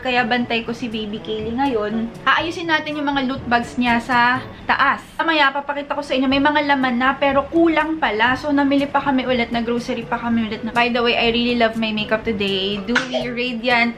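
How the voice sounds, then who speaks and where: A young Filipino woman vlogging at home as a mother, chatting to camera in a casual way and talking to her toddler in a sing-song voice. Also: on the high side. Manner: chatty, mixes English into Filipino, sing-song baby talk to her child.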